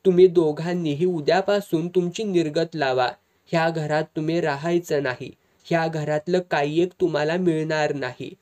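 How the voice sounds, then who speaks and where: Stern head of the house, touch, warm low tone; the reader doing him. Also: male voice, fairly even intonation, moderate pace, natural voice. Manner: stern, commanding. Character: angry grown son, stern head of house.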